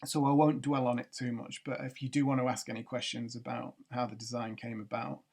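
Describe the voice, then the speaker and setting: A man's voice: mid-range voice, little pitch movement, brisk, gravelly, darkish tone. A middle-aged man, founder of a watch brand, talking casually over a screencast, rambling with many ums and restarts. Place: at a computer doing a screencast.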